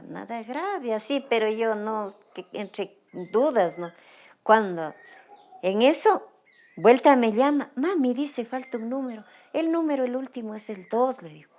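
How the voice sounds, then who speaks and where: A woman's voice: mid-range voice, a little mellow. Ecuadorian mother recalling grief. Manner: emotional retelling with quoted dialogue. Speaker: victim's mother interviewed. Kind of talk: documentary testimony.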